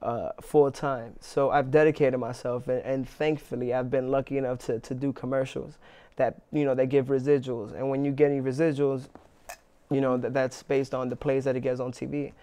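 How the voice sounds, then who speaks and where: With a smooth, medium-pitched voice, a young man from Inwood in New York chats casually as an actor being interviewed. His delivery is relaxed and halting, packed with restarts and fillers.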